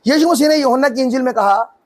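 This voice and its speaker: Male pastor, very high voice, emphatic questioning sermon style. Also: fast. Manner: preaching with rising emphatic questions.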